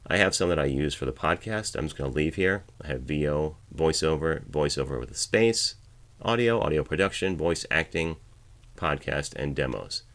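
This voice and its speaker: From the editing station of his home voiceover studio, a man narrates a tutorial screencast and casually explains each step, as a voiceover artist would. His voice is very deep and fairly bright, delivered at a moderate pace.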